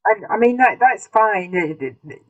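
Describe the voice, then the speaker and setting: A woman's voice: medium pitch, animated, normal speed. A woman co-hosting a casual podcast, giggly, candid and chatty. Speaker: podcast co-host. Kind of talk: casual chat. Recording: dull lo-fi sound.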